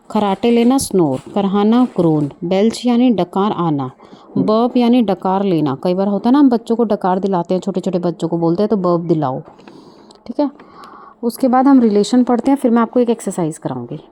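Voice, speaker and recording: Woman, English teacher, mellow warm tone, explains step by step, asks questions. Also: medium pitch. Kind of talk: bilingual vocabulary lesson.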